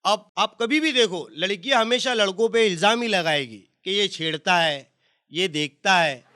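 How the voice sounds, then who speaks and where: Bright high-voiced male stand-up comic. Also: moderate pace, slight background noise. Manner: switches into voices of the people in his jokes. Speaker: stand-up comedian. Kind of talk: stand-up comedy with acted-out voices.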